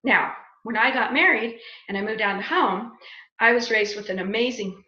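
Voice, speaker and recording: A woman in her fifties with a bright, forceful voice tells a personal story and acts out each quoted line. Her voice sits a little high, and the recording is dull and lo-fi in an echoey room. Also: moderate pace. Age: 50s. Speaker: speaker on a business opportunity call.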